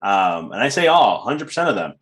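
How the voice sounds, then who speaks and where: A man hosting a podcast, talking in a calm, upbeat, casual way with loose fillers. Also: fairly low pitch, a little fast. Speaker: podcast host and coach. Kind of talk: casual interview chat.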